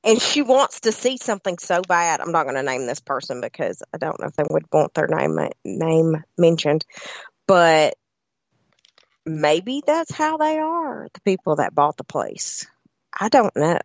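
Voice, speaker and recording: Female talk show guest, conversational, lower register, slightly lo-fi recording. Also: no echo. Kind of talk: casual chat. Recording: slightly dull, dry audio.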